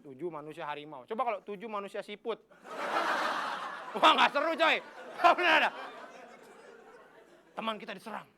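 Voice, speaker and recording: Young man, stand-up comedian, very high voice, live audience behind. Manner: loud, animated, slangy and teasing. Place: stage before a studio audience. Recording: live stage with crowd. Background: audience laughter.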